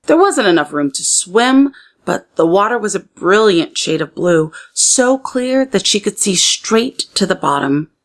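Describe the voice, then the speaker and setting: This is a woman with a medium-pitched voice, narrating a children's tale as a read-aloud storyteller, her delivery expressive and deliberate for young listeners.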